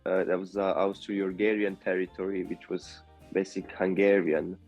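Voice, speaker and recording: Congested deep-voiced man, barrel-muffled. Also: little pitch movement, a little mellow, soft background music. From Serbia. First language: Serbian. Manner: halting, with many fillers. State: blocked-nose, muffled voice as if talking from inside a barrel; feverish. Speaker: interview guest. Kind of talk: casual remote interview chat.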